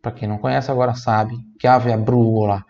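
A man from Brazil teaching a language lesson, saying phrases slowly and then explaining them at a quicker pace. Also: medium pitch, flat delivery, darkish tone, lo-fi sound.

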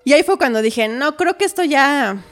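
A woman's voice: sits high, moderate pace, soft background music. Woman telling a spooky story. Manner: animated, acts out quoted dialogue. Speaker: podcast guest. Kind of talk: casual storytelling.

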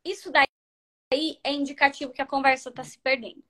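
Brazilian woman on a live, high voice, chatty relationship tips, acts out lines, goes whispery sometimes. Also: brisk. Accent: Brazilian Portuguese. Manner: animated, acts out sample dialogues, drops to near-whispers. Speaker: live-stream host giving relationship advice. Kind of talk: casual advice talk to viewers.

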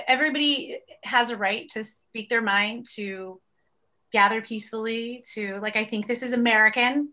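A woman from New York speaks as a guest in a relaxed interview, earnest and quick, with plenty of fillers. Her voice is bright and sits a little high. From New York City. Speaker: guest, mother and activist. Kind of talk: casual interview chat. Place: at home.

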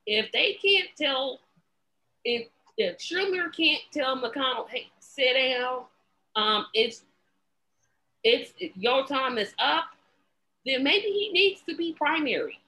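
Lively woman hosting political chat. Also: sits high, slow pace, rough recording. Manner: animated, restarts sentences, sarcastic asides. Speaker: podcast host.

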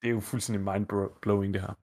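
A man's voice: on the low side, flat delivery, a little mellow. A man co-hosting a gaming podcast, talking casually and enthusiastically, rambling through his thoughts. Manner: enthusiastic, quick, rambling analysis. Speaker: podcast co-host. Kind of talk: casual chat.

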